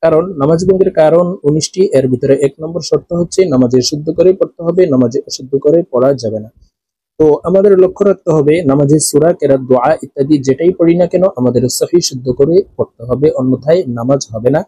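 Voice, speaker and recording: A man with a Bangladeshi Bengali accent teaching Quran recitation, slowly and patiently, breaking each word apart and repeating phrases. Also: a little high, warm tone, slightly rough, dry recording. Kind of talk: slow, patient teaching with drawn-out chanted recitation.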